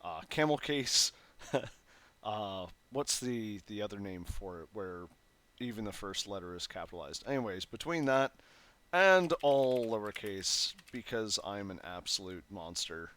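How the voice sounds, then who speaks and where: This man's voice is on the low side, expressive and fairly bright, moving at a measured pace. He hosts a programming tutorial, giving a casual walkthrough of his code while typing, with fillers, self-corrections and a phlegmy throat he keeps clearing. Keys clatter and click in the background.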